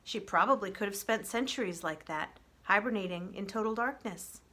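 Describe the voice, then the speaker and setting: This is a woman with a medium-pitched voice reading from a children's novel. Her delivery is gentle, expressive and measured, easing off at phrase endings.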